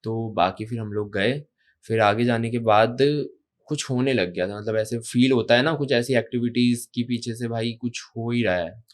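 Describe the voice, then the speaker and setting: A man's voice: medium pitch, steady tone, normal speed. A young man in casual conversation, recounting a personal story in a rambling way and often calling his listener brother. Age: young adult. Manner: rambling, addresses listener as bhai. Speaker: guest storyteller.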